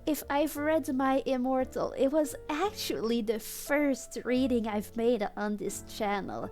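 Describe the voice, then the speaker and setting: A woman streamer with a high, slightly mellow voice does a comedic live reading of fan fiction at a measured pace, faint music playing behind her. She's giggly, often breaking into laughter mid-read, and tosses asides to her audience.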